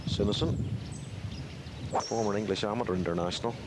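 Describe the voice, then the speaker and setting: Man commentating golf on tv, lowish voice, dry and measured, clear background noise behind him. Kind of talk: live television golf commentary.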